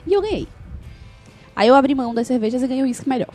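A woman's voice: high-pitched, lively intonation, rapid-fire, dark tone, faint music behind. A woman co-hosting a podcast, chatting through anecdotes and acting out bits of dialogue. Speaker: podcast co-host. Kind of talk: casual podcast chat.

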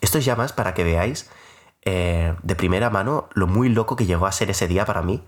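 A young man in his twenties hosts a podcast, telling a personal story in a casual, rambling, self-mocking way with lots of filler sounds. His voice is low-pitched and fairly quick.

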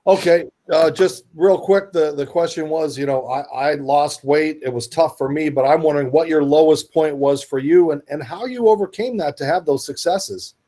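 A man's voice: a little high, normal speed, few pauses, warm tone. A man hosting an interview, talking in a loose, chatty way. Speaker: host.

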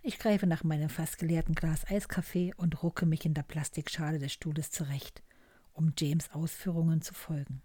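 A woman narrating a first-person story in a calm, measured way. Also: sits low, slightly rough, no room sound.

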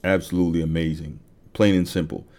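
Male podcast host, deep and mellow, easygoing storyteller with fillers. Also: flat delivery, fast. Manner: conversational, many fillers and restarts. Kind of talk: casual monologue.

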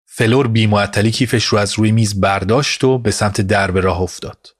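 A man narrating a dramatic audiobook in a steady, storytelling manner. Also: lowish voice, no room sound, studio quality. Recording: music bed behind voice.

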